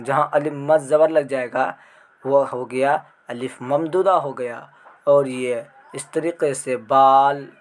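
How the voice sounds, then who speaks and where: Man teaching a grammar lesson. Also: a little high. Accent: Indian Urdu. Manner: explains step by step, recites letters one by one, asks the class questions. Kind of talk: exam prep grammar lesson.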